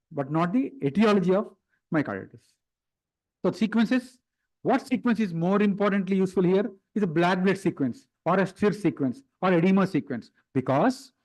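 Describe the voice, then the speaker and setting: High-voiced man giving a medical lecture. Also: a little mellow, poor audio. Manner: explanatory, repeats key phrases, frequent restarts. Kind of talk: conference lecture.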